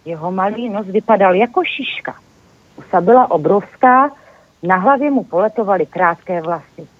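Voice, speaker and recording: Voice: mid-range voice, dry recording. Storyteller reading a fairy tale over the phone. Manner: lively animated storytelling. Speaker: guest author reading a children's story. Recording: tinny phone line.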